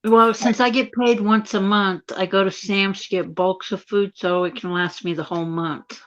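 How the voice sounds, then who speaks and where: A woman's voice: mid-range voice, steady tone, normal speed. A woman with some missing teeth, chatting casually as if on a live call. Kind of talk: casual chat about food and shopping. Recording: slightly dull, lo-fi call audio.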